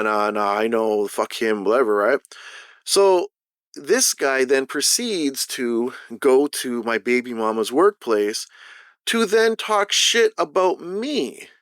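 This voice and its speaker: Profane, animated Canadian man telling a story. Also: medium pitch, dry recording, studio quality. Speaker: gaming vlogger. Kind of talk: casual storytelling over gameplay.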